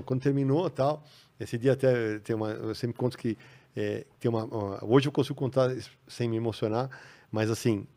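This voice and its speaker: A man with a Brazilian Portuguese accent, a podcast guest telling stories in a casual, animated way. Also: mid-range voice. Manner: animated, acts out quoted voices. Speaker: podcast guest, comics writer. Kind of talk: casual storytelling. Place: podcast studio.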